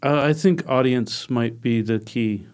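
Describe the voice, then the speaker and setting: A man's voice: mid-range voice, measured pace, darkish tone. A man guest answering interview questions in a reflective way, with brief replies that trail off. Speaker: guest, artist and puppet maker.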